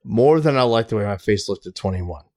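A man in his late thirties chats on a casual podcast, swearing freely in an animated, profane way. His voice is fairly low and his delivery brisk.

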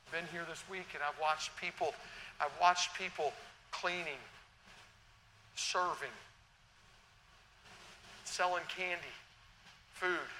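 Bright, forceful man preaching in a reverberant hall. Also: on the high side. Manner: emphatic, direct appeals to the congregation with short repeated phrases. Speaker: guest preacher. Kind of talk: sermon from the pulpit. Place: large church hall, at a pulpit microphone. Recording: long hall reverb, steady background noise.

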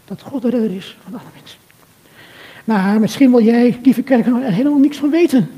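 An older man giving an earnest, measured sermon talk, speaking directly to a churchgoer. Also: very high voice, dark tone. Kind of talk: reflective sermon talk addressed to a listener. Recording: long reverb of a hall.

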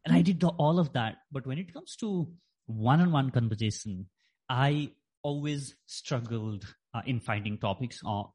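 A man's voice: medium pitch, moderate pace, darkish tone, breathy edge. A man in his thirties from Nepal, a podcast guest talking reflectively with many fillers and restarts. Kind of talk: reflective interview talk.

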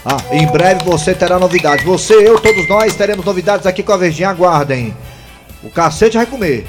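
A man hosting a comedy radio show, announcing loudly and joking. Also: sits high, animated, a little fast, over music. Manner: loud, jokey, hyped announcing.

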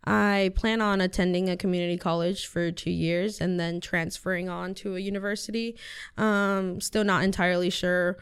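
Here a teenage high school student from the United States, a native Spanish speaker, answers interview questions in earnest, with plenty of fillers and false starts. She has a lowish, clear, resonant voice, a flat delivery, and a moderate pace.

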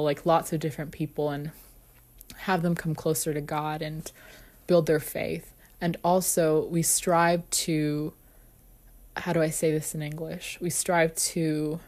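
A woman hosting a motivational self-help podcast, telling personal stories earnestly with frequent light laughs. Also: low-pitched. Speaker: podcast host.

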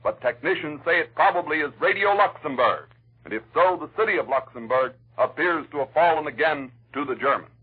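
An American man delivers war news as an old 1940s radio announcer. His voice is very husky and a little high, with a formal, dramatic delivery. It comes through a narrow, tinny vintage broadcast. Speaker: radio newscaster. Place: radio newsroom.

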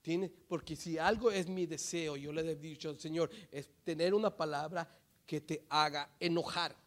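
A man preaching a sermon, swinging from loud fervent exhortation to hushed near-whispers and dropping in English phrases. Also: on the high side, steady tone, moderate pace. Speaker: pastor.

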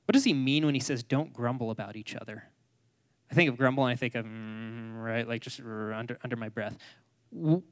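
A man preaching a sermon on a Bible passage, talking casually and often putting questions to his congregation. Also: mid-range voice. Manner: conversational, asks the room questions. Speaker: pastor.

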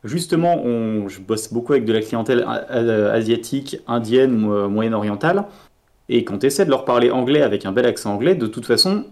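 A man's voice: medium pitch, lively intonation, brisk, darkish tone. A man with a Burgundian French accent, chatting casually in a group discussion and telling anecdotes from his work in a matter-of-fact way.

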